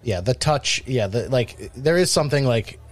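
A man's voice: medium pitch, lively intonation, moderate pace. A man from Rhode Island co-hosting a podcast, chatting casually and rambling with many fillers and restarts. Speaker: podcast co-host. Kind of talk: casual chat.

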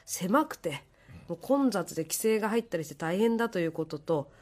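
A woman with a hoarse voice, politely explaining an event on the radio as a producer and guest. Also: lowish voice, animated, moderate pace, darkish tone. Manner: apologetic, polite. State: hoarse from drinking.

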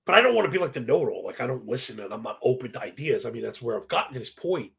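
A man's voice: medium pitch, big pitch swings, racing, gravelly, fairly bright tone. A man hosting a live sports betting stream, giving casual, stat-heavy commentary in slangy, professorial talk and often checking in with a tagged "right?". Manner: slangy, asks "right?" as a constant tag; self-described professorial, rattles off statistics.

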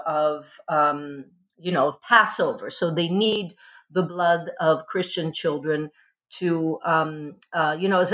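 A woman from Italy speaks as a guest on a podcast interview. She talks thoughtfully, with frequent fillers and restarts. The audio sounds a little dull and lo-fi. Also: fairly low pitch. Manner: thoughtful, many ums and restarts. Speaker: history professor, guest author.

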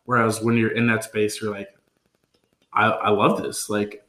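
A podcast host in his twenties chats casually with a lowish, slightly bright voice, keeping a level tone and an unhurried pace. He's laid-back and jokey, with trailing fillers, and the recording has a roomy echo.

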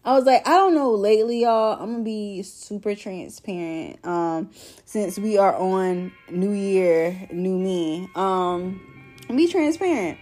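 A woman hosts a solo podcast in casual, slangy chat, rambling in a stoned-sounding drawl and addressing her listeners directly as y'all. She's animated but slow-paced, with a dark tone, and faint music plays behind her.

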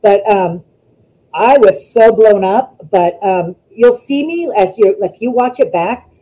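A woman, a former wrestler, chatting as a guest over a video call, telling stories in an animated way and acting out what people said. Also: medium pitch, takes it slowly, low-quality recording. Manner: animated storytelling, acts out quotes. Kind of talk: casual interview chat.

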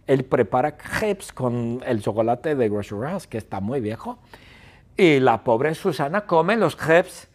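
Man, teacher, animated storytelling with sound effects, slow and swooping. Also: mid-range voice. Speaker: Spanish teacher. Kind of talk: storytelling lesson for students. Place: classroom.

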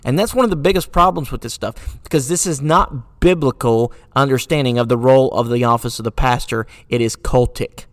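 A man's voice: mid-range voice, no room sound. A man hosting a solo podcast, talking earnestly through rhetorical questions with many fillers and restarts, now and then sarcastic. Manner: sarcastic at times. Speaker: podcast host.

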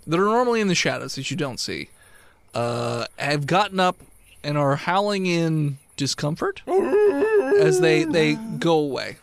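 Male game master, casual improvised narration, highish gravelly voice with plenty of movement. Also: no echo.

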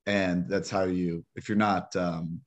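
A man co-hosting a podcast, chatting casually about sports in a rambling, halting way full of restarts. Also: low voice, level tone, highs cut off. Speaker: podcast co-host.

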